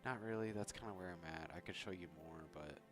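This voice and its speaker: Very deep-voiced man on a cheap mic. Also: fast talker. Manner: rambling, hesitant. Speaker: gaming video creator. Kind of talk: casual game progress commentary. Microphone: cheap temporary microphone. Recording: cheap poor microphone, loud music behind. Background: loud music.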